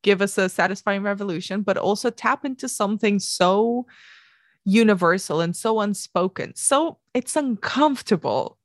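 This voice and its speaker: A woman's voice: mid-range voice, moderate pace, no echo, studio quality. A woman, co-hosting a podcast and talking through a film in a casual, earnest way with lots of restarts. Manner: earnest, animated, many restarts. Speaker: podcast co-host.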